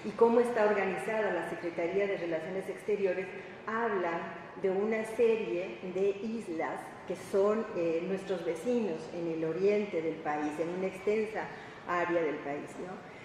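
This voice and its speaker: A woman with a Mexican Spanish accent gives a semi-improvised academic panel talk, halting and reflective, pausing to search for words. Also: on the low side, darkish tone. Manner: halting and reflective, with searching pauses and tag questions. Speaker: academic researcher presenting at a panel. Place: indoor conference room or hall. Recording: echoey hall, distant mic, faint noise.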